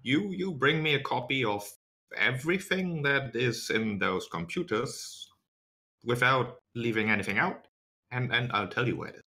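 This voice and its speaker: A man's voice: medium pitch, normal speed, sharp tone, pitched above the performer's own voice. A man voicing a shifty alien informant in a tabletop game, bargaining, stammering and easily indignant. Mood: cagey bargaining. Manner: stammering, repeats words.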